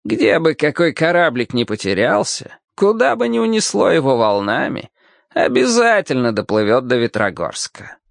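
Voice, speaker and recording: A man's voice: fairly high pitch, very animated, creaky, no room sound, studio quality, voice pushed up. Man reading a quavering, teasing old cobbler. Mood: storytelling. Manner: folksy, teasing, slow and sly. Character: kindly wry old male cobbler, chuckling. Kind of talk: audiobook character voice.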